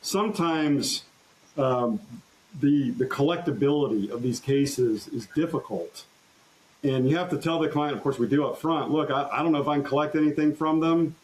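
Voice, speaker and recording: A man, a trial lawyer, telling courtroom stories in an earnest, halting way with frequent restarts in a podcast interview. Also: a little high, low-quality recording. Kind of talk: conversational storytelling interview.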